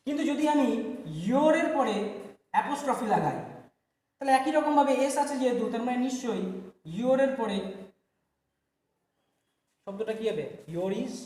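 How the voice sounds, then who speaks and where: A man's voice: sits high, a little mellow, echoey room, long reverb tail. A man teaching an English grammar lesson, explaining step by step and asking and answering his own questions. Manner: repeats and rephrases points. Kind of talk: Bengali-language grammar lecture.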